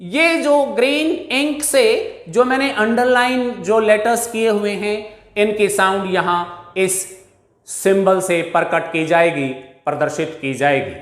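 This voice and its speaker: A man with an Indian accent teaching an English pronunciation lesson, slowly drawing out each example word. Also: high voice, a bit bright, reverberant.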